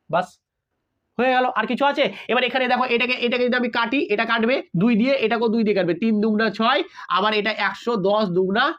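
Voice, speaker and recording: A man's voice: extremely high pitch, fairly bright tone. A man teaching a math lesson in a casual way, talking straight to his students and often checking that they have understood. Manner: talks straight to students, asking "got it?" often. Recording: slightly dull lo-fi audio.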